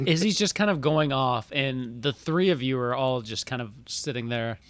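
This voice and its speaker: A man narrating a tabletop game casually as game master, in a halting conversational way. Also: mid-range voice, lively intonation.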